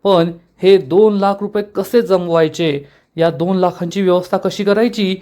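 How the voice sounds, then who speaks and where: A man's voice: high voice, measured pace, warm tone. A man putting on a sly scheming young woman. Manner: wheedling, gossipy.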